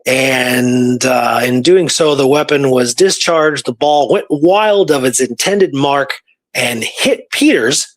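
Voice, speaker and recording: Speaking slowly at a medium pitch, a male podcast host presents historical research as a casual storytelling conversation, carefully covering dates and records.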